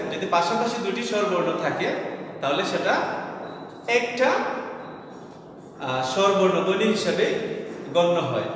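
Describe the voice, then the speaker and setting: A man with a fairly high voice teaches grammar, patient and methodical, repeating each key word slowly. He sounds set back from the mic in a strongly echoing room with a long reverb tail. Faint room ambience sits behind him. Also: fairly bright tone, far from the mic, slight background noise. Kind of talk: explaining lesson to students.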